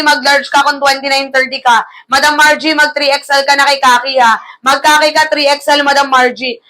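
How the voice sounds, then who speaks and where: High bright woman doing live-selling patter. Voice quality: slightly gravelly through the mic. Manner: brisk, repetitive sales patter addressing buyers as madam. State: tired, low energy after shouting. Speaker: online live seller. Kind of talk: live-selling sales pitch. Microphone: close-up streaming mic.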